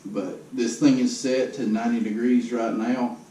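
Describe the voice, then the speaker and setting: A man with a mellow, relaxed tone gives a casual, matter-of-fact personal update, sounding downbeat and resigned. He is picked up from a distance in a roomy space, with faint noise behind him. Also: mid-range voice, moderate pace. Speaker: vlogger giving a personal health update. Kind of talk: casual spoken video update. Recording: roomy, noisy, distant camera microphone.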